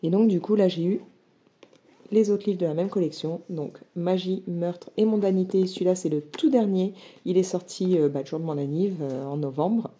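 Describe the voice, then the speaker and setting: A book vlogger in her thirties chats casually and eagerly through a haul of her latest books, using lots of fillers. Her voice is on the low side and dark in tone, at a moderate pace.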